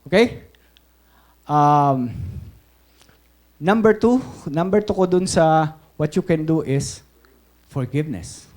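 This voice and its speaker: A Filipino male pastor delivers a lively sermon in a notably high voice. He tells stories with animation, slips between English and Tagalog mid-sentence and keeps asking his congregation "Okay?". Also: takes it slowly, long pauses. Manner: animated storytelling preacher.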